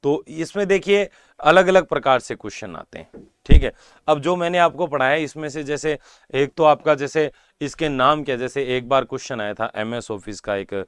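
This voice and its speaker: Teaching computers live online for exam prep, this man repeats important terms, checks on the class, and addresses the students as "beta". His voice sits on the high side with a fairly bright, smooth tone and moderate pace. The recording is dry and studio quality.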